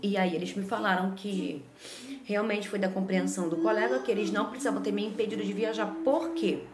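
Brazilian woman, casual vlog storytelling, mid-pitched voice, echoey room. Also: brisk, a loud crowd. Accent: Brazilian Portuguese. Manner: chatty, lively, frequent "né?" tag questions. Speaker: vlogger; mother.

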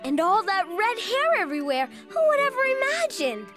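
A woman's voice: very high-pitched, big pitch swings, normal speed. A woman voicing a dreamy, dramatic young girl in a cartoon, earnest and flowery in her wording. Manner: flowery, formal, theatrical wording. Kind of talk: animated series voice acting. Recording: music behind the voice.

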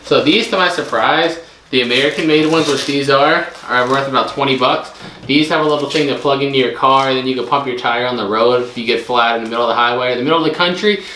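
A co-host reselling storage unit finds goes through the items in casual chat, guessing what each will sell for and restarting a few times. His medium-pitched voice is quick, pushed and bright. The room is echoey, with faint background noise.

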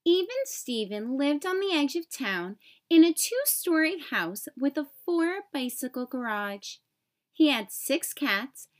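A woman with a high voice reads a children's picture book aloud, storytelling expressively and phrasing clearly for young kids.

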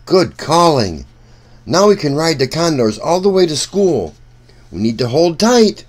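A man with a slightly high voice reads a storybook to children, keeping his delivery animated and deliberate as he talks directly to them.

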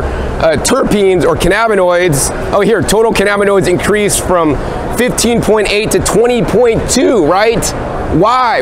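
A middle-aged man with a high voice talks quickly and eagerly into a camera held close as he tours convention booths. His delivery is animated, full of "right?" tag questions. Clear hall noise hums behind him. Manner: energetic, animated, rapid enthusiastic pitch with many "right?" tag questions. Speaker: gardening video host. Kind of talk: excited walk-through vlog at a trade show. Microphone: handheld camera held close, selfie framing.

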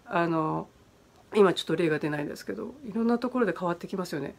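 A woman's voice: on the low side, lively intonation, quick pace, gravelly. A woman hosting a casual livestream, reading viewer comments aloud and answering their questions in a friendly, chatty way. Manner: friendly and chatty, many fillers, answers questions on English pronunciation. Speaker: host of an online virtual bar stream.

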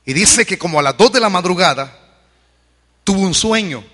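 Fervent high-voiced preacher. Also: male voice, lively intonation, moderate pace, in a large hall. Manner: fervent, swings to shouted peaks, repeats calls to convert. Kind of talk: evangelical sermon.

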